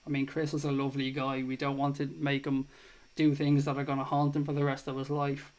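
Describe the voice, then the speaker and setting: This thirty-something Irishman has a mid-range voice that stays monotone while he talks briskly. Hosting an informal live football chat, he reads out what viewers write, swears casually, and thanks them warmly.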